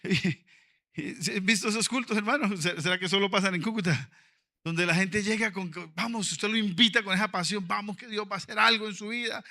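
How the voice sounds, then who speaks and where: Fervent, bright-voiced male pastor. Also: sits high, moderate pace. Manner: animated preaching, swinging from quiet storytelling to fervent shouting. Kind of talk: sermon. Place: convention auditorium.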